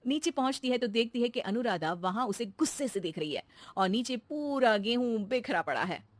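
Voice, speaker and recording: A woman's voice: a little high, lively intonation, moderate pace, no echo. A woman narrating a scripted children's cartoon story as the storyteller.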